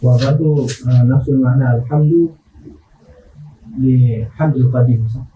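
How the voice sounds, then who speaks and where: Distant student, thin phone-like sound. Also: male voice, mid-range voice, fairly even intonation, normal speed. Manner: hesitant questioning with many fillers. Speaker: student asking a question. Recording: distant, phone-like and echoey with faint noise.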